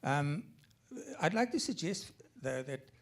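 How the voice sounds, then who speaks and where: A man from the audience raising a point at a panel, hesitant at first and then impassioned, with many fillers and throat clearing. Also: on the high side, big pitch swings, measured pace. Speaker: audience questioner.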